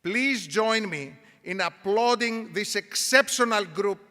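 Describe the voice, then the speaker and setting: A woman's voice: medium pitch, expressive, a bit bright. Woman giving a formal commencement address. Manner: measured, formal delivery. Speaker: university provost. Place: large auditorium. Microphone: podium microphone. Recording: auditorium with long reverb.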